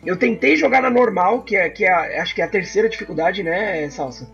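A man, co-hosting a casual chat about video games, animated and full of restarts. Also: sits high, brisk, vocal fry, soft background music. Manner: animated, frequent fillers and restarts. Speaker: podcast co-host. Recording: slightly dull lo-fi sound.

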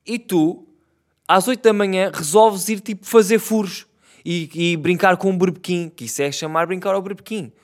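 A man's voice: sits high, moderate pace. Ranting young Portuguese man. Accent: European Portuguese. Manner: profane, exasperated ranting. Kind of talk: casual comedic monologue.

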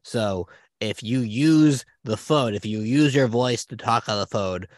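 A man's voice: mid-range voice, unhurried, no echo, close to an everyday voice. A man playing a smug, self-important male debate candidate who gives rambling, roundabout answers.

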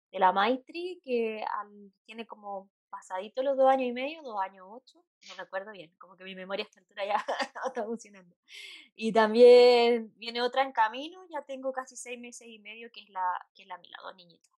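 A woman from Chile with a Chilean Spanish accent, a psychologist chatting as a guest, with many fillers and soft laughs. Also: on the high side, dry recording. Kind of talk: casual interview chat.

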